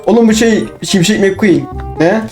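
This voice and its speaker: A young man commenting on his own gameplay, excitable, talking to himself and bursting into shouts. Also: sits high, a little fast, soft background music. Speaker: gaming channel host.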